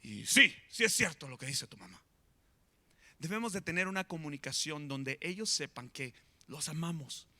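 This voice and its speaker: Male pastor, high voice, animated preaching. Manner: animated preaching, swings between loud and soft. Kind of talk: sermon.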